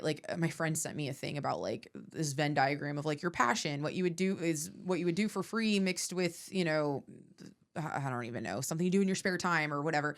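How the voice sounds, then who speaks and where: Casting: woman, 30s, low voice, animated stand-up comic, swears easily, gets emotional. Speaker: comedian guest. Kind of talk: casual podcast chat.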